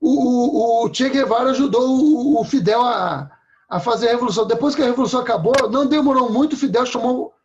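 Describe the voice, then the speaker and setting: A man's voice: very high voice, fairly quick, lo-fi sound. A man preaching a sermon in a conversational way, often checking in with his listeners.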